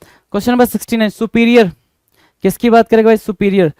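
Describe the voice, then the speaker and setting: A man's voice: high voice, fairly even intonation, fast, darkish tone, clean tone, no echo. A male English teacher giving an exam-prep spelling lesson. He repeats each word, spells it out letter by letter, and keeps calling his students "bhai.". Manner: repeats words and spells them out letter by letter, addresses viewers as "bhai".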